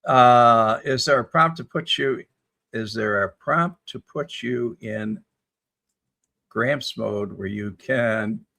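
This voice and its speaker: A man's voice: mid-range voice, takes it slowly, gravelly, bright, forceful tone. A man in his seventies hosting a casual live chat, reading viewer comments aloud and answering them in a rambling, folksy way. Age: 70s. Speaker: livestream host answering chat.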